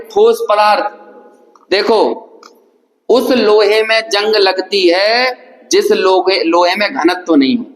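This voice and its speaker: A man from India giving a scripture lecture in a hall, explaining with questions and repeated examples. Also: high voice. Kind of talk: scripture lecture with chanted verses. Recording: echoey hall.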